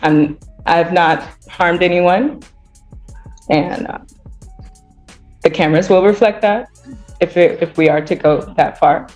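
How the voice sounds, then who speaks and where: A woman speaking as a defendant, halting and insistent, in a courtroom recording. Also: on the low side, steady tone, darkish tone, soft background music.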